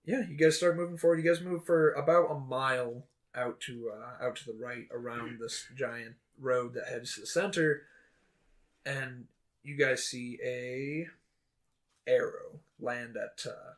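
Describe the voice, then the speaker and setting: A man's voice: medium pitch, steady tone, measured pace. A man narrating as dungeon master of a tabletop game, loose and rambling with many fillers.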